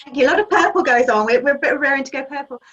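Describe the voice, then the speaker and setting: A New Zealand woman, a magazine editor, answers interview questions enthusiastically from her home office, dropping lots of ums. Her voice is high-pitched, a bit bright and racing. The call audio is distant, dull and lo-fi.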